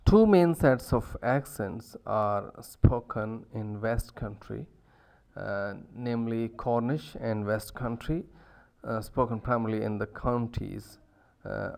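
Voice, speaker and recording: A man's voice: on the low side, fairly even intonation, slow, creaky, a little mellow. A man giving a university lecture, hesitant, with many fillers and restarts.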